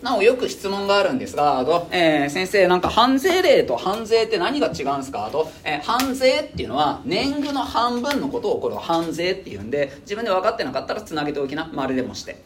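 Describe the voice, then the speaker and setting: A man teaching a high school history class in a casual, joking lecture style. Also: fairly quick, hardly any pauses, slight background noise. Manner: casual, joking, lively delivery.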